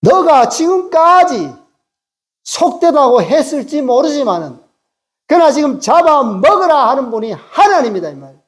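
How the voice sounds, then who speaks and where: A man's voice: extremely high pitch, sing-song, normal speed. A male pastor preaching a sermon, acting out quoted lines and teasing the congregation, with English phrases slipped in.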